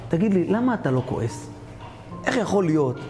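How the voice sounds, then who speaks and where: A man's voice: high voice, big pitch swings, warm tone, soft background music. A man voicing a proud, stern senior rabbi who speaks in a grave, commanding manner, within a storytelling sermon. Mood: probing.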